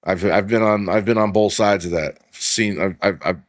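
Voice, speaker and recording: A man's voice: sits low, moderate pace, no echo, studio quality. A man hosting a casual sports podcast, swearing freely and leaning on fillers while he reads off stats. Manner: loose and profane, heavy on filler "like", reads stats aloud. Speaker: podcast host.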